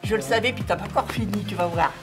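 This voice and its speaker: An older woman speaking proudly and excitedly. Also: medium pitch, fast talker, music in the background.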